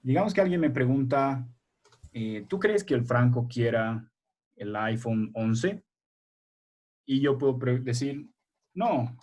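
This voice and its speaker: Husky-voiced man teaching a class online. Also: medium pitch, normal speed, darkish tone. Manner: patient, explains step by step and quizzes pupils. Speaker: primary school teacher. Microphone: video call.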